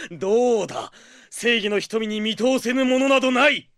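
芝居がかった尊大な正義の騎士、高めの声. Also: male voice, very high voice, slow, a bit bright, no room sound, studio quality, full character voice. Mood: preachy, self-assured. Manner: formal, archaic, theatrical and grandiose. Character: pompous, earnest older brother posing as a masked knight of justice. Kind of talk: Japanese audio drama acting.

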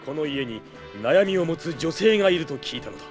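An actor playing a pompous, earnest older brother who poses as a masked knight of justice, speaking in formal, grandiose phrases in an audio drama. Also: male voice, on the high side, lively intonation, fairly quick, soft background music, close to an everyday voice. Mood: grandiose, triumphant. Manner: formal, archaic, theatrical and grandiose. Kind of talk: Japanese audio drama acting.

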